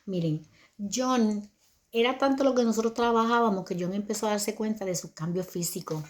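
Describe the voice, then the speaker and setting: A woman's voice: medium pitch, moderate pace. An older woman telling viewers a family story about raising her son, in a conversational manner that often checks in with listeners.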